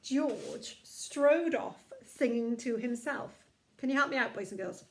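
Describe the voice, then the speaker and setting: A woman's voice: fairly high pitch, expressive, a little slow. A woman hosting a children's storytime like a kids show host, reading and chatting to children in a sing-song, encouraging way.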